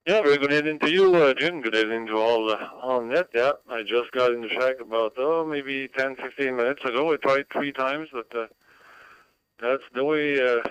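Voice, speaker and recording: A man from Canada gives a casual, halting radio check-in, often repeating himself. His mid-range voice is very clean and dry over a two-way radio link with static. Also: mid-range voice, fairly bright tone, clear, resonant tone, dry recording, rough recording. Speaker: amateur radio operator checking in. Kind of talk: casual ham radio chat.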